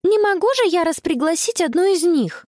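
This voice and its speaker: A woman voicing an excitable young girl in a children's story, pushing her voice high. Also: moderate pace, dry recording, clean studio sound. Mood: pleading.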